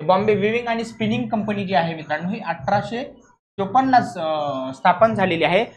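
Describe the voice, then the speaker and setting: In an explanatory exam lesson, a man with a high, expressive voice teaches didactically at a moderate pace. He keeps repeating the key points and frequently poses short questions to make sure listeners understand.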